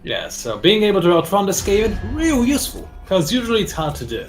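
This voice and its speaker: A man narrates his turn in a strategy game, chatty and teasing as he explains units and tactics. His voice is slightly high for a man. Soft game music runs in the background. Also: wildly swooping pitch, a little fast. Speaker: strategy game player, channel host. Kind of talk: casual gameplay commentary.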